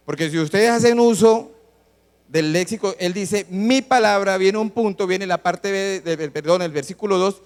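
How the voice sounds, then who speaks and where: A man with a high voice preaches to his congregation, putting questions to the listeners and reading passages of scripture aloud. His voice rings out with a long reverb from the church hall, as if heard from the pews. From Colombia. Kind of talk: sermon.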